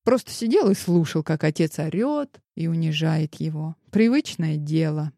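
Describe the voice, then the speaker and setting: A woman narrating an audiobook with lively storytelling. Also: deep voice, moderate pace, vocal fry, no echo, clean studio sound. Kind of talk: scripted narration.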